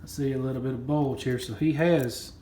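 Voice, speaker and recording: A man's voice: mid-range voice, fairly even intonation, a little fast, warm tone, slight background noise. Chatty man unboxing in an echoey room. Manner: chatty, rambling, repeats words. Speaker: coin collecting vlogger. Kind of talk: casual unboxing chat.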